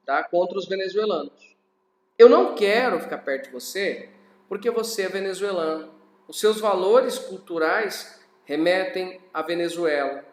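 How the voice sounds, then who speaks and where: A man's voice: high-pitched, roomy sound. A man teaching a recorded class lecture in a conversational way, often checking in with tag questions.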